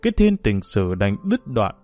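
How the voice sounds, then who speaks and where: Man narrating a novel, lively pitch. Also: moderate pace, no echo, soft background music.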